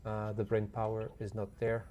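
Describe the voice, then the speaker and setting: A man's voice: fairly low pitch, monotone, moderate pace, warm tone, slight background noise. A man thinking aloud while playing a puzzle game, sleepy and tired, yawning as he talks it through. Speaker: gaming streamer. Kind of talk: casual gameplay commentary.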